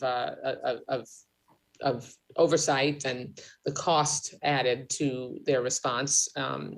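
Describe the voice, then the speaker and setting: A woman politician chairing a legislative hearing, speaking formally in a halting, emphatic way that repeats key phrases. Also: low voice, low-quality recording. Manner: politician's measured, halting delivery with emphatic repetition.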